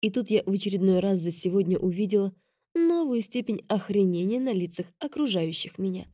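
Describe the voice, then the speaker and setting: A woman reading a first-person novel aloud in a lively, ironic storytelling manner. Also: mid-range voice, a little fast, no room sound, studio quality. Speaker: audiobook reader.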